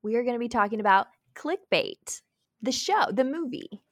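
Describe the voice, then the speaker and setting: A woman's voice: a little high, expressive, normal speed, no echo, clean studio sound. A young woman co-hosting a casual podcast, upbeat and enthusiastic, swearing freely. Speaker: podcast co-host.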